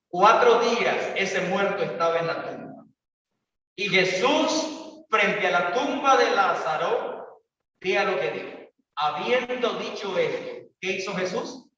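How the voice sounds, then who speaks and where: Man preaching in an echoey hall. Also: high voice. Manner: preaching with shifts between loud calls and quiet asides. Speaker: pastor. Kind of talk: evangelistic sermon. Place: church hall. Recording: echoey church hall, distant mic, dull sound.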